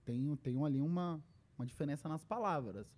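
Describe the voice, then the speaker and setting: A man's voice: on the high side, a little fast. A young adult man with a Brazilian Portuguese accent, a podcast guest telling stories in casual conversation and acting out the lines he quotes. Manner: animated storyteller who acts out quoted lines.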